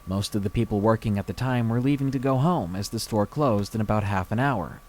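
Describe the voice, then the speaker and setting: A man reading a scary true story aloud with slow, dramatic pacing. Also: fairly low pitch, darkish tone, slight background noise. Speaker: story reader.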